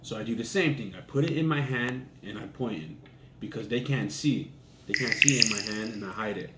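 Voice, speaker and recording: A man's voice: on the low side, fairly quick. Young man, casual storytelling, profane, laid-back, roomy echo, faint noise. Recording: echoey room with faint ambient noise.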